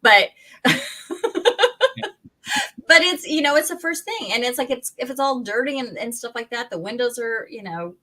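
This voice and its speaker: A woman with a sharp, fairly high voice co-hosts a real estate podcast, talking quickly with few pauses in a roughly recorded clip. She has a Pacific Northwest American accent and chats casually, rambling, restarting often, and laughing.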